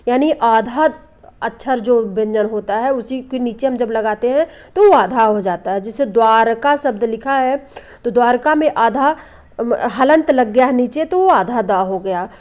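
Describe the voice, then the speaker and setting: High-voiced woman teaching Hindi grammar. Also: darkish tone. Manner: patient, repeats terms and asks questions then answers them; draws out example sounds slowly. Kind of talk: classroom lesson explaining vowels and consonants.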